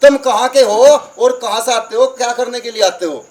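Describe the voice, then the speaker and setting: A man's voice: extremely high pitch, moderate pace, darkish tone. A man voicing a friendly, curious young village man in a sermon story, with chatty, pleading village talk. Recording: voice from far off the mic, crickets behind.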